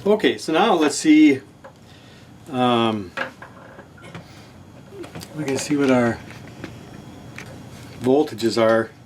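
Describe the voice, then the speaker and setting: The host of a repair channel, a hobbyist radio restorer, narrates his hands-on repair work casually and unscripted, thinking aloud in laid-back phrasing. He's halting, trailing off and correcting himself mid-thought. His mid-range voice has lively intonation, is a little mellow, and carries slight background noise.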